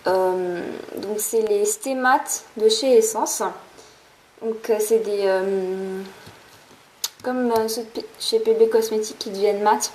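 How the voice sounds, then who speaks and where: A woman's voice: medium pitch, takes it slowly, darkish tone, a little hiss or hum, rough recording. A young woman chatting through a beauty haul in a casual vlog, rambling with lots of fillers and restarts. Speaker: beauty vlogger.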